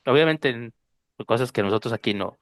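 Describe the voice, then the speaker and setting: A man's voice: mid-range voice, a little fast, a bit bright, dry recording, studio quality. A man with a Costa Rican accent teaching pronunciation in an online class, explaining patiently and drilling sounds aloud. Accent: Costa Rican Spanish.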